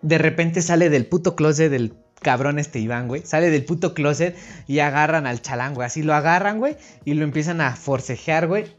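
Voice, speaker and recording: A man's voice: on the high side, brisk. A young man with a Mexican accent telling a rambling story in casual chat, full of crude slang. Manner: rambling, crude slang, says "güey" constantly. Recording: dull lo-fi recording with faint music.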